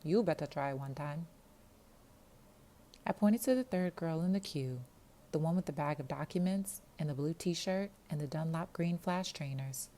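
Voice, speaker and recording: A woman reading a novel aloud with steady, expressive storytelling. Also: low-pitched, moderate pace. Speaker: audiobook reader. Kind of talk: audiobook narration.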